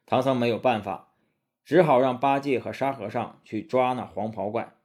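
A man narrating a classic tale as a storybook for children, in a lively, expressive way. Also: mid-range voice, moderate pace.

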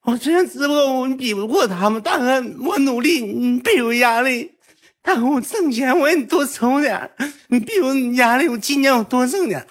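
Brief: a clingy young streamer, weepy, very high and husky, slightly off-mic. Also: male voice, animated, moderate pace. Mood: tearful, coaxing. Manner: high whiny sobbing plea, drawn out. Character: tearful young male protégé streamer, pleading, insecure.

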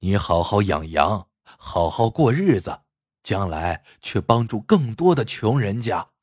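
A man doing a deep, stern old sage. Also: expressive, a little mellow, husky, no echo, studio quality. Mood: kindly. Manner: slow, grave and deliberate.

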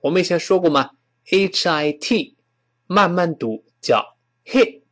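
Man, teacher, fairly high voice, animated pitch, slow repeated example phrases. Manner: explains patiently, models English phrases slowly and repeats them. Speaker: English teacher. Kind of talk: spoken English lesson.

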